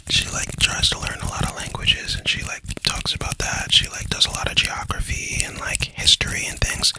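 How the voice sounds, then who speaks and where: A man whispering breathily in ASMR style, slowly repeating playful words and nonsense syllables. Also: low-pitched, bright, forceful tone.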